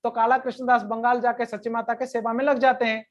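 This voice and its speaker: A woman retelling a scripture story in a devotional lecture, in a plain conversational way, with slow recited verses now and then. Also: on the high side, level tone, lo-fi sound.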